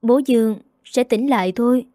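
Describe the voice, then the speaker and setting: A woman's voice: on the high side, normal speed, mellow, no room sound, studio quality, close to an everyday voice. A woman voicing little twin children who speak sweetly and plead with their grandmother. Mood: comforting.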